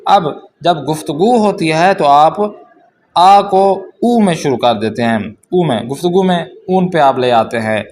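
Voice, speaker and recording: A man teaching a language class, explaining a workbook and reading example sentences slowly and carefully. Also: a little high, animated, darkish tone.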